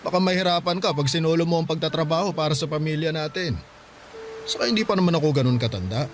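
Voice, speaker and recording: Fast and fairly high-pitched, a man's natural-sounding voice portrays a gentle widowed father in his forties who works hard, speaking with reassuring tenderness for a radio drama. A little hiss or hum runs under the recording.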